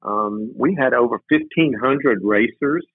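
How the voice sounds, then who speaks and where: Husky man on a tinny phone call. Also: mid-range voice, a little slow, dry recording. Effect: tinny phone call audio. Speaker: city mayor calling in as guest. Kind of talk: casual radio chat. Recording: dry tinny phone line.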